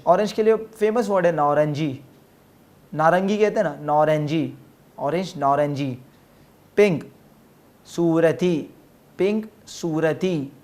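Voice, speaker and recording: A man giving a recorded language lesson, repeating each word pair slowly for drilling and mixing English words into his explanations. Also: sits high. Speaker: Persian language teacher.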